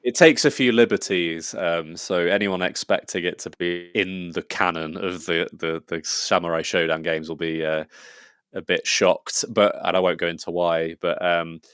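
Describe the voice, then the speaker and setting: A very low-pitched English man chatting as a podcast guest, his voice smooth and resonant. He rambles eagerly, full of fillers and restarts, and the sound is close and dry with no room around it. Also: steady tone, normal speed, a bit bright, no echo. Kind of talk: casual conversational interview.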